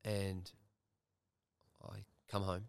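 A man's voice: low-pitched, monotone, extremely slow, vocal fry, clear, resonant tone, no room sound. A young man, hosting a podcast and telling a personal story frankly, swearing freely. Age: young adult. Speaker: podcast host.

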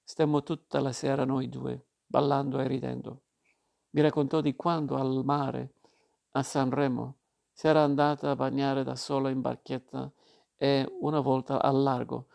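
Gravelly man reading a novel aloud. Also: mid-range voice. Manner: calm, measured first-person reading. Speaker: audiobook narrator. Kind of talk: literary audiobook reading.

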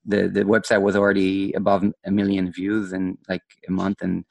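A man telling his story casually as a podcast guest, halting as he thinks aloud. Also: low voice, completely flat delivery, gravelly, no echo. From Israel. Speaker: podcast guest, design entrepreneur.

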